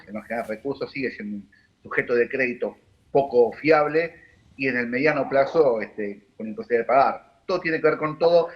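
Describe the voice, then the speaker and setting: A man with a Rioplatense Argentine accent, a political analyst giving measured, analytical answers on a panel, with frequent fillers and restarts. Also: mid-range voice, dull audio. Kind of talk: broadcast panel discussion.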